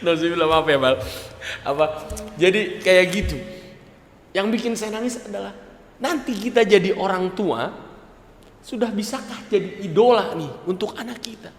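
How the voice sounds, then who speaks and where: Animated preacher in echoey mosque. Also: male voice, high-pitched, moderate pace, pauses often. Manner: animated storyteller, acts out voices, jokes with audience. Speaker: religious teacher. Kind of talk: storytelling sermon. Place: mosque hall.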